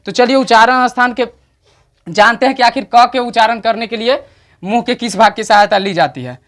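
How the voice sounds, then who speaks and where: A man with a Bihari accent teaching an exam-prep lesson, often checking "understood?" and slowing down to dictate definitions. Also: very high-pitched, a bit bright. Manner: repeats "samjhe na?" checks, slows to dictate definitions.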